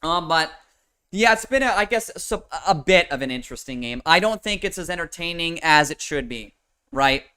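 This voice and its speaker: A young man with a nasal, bright, slightly high voice streams football talk at normal speed, sounding animated with a clean tone. His casual livestream sports commentary rambles and turns profane, packed with fillers and restarts. He's in a home room with a fan running, using a desk mic with noise suppression.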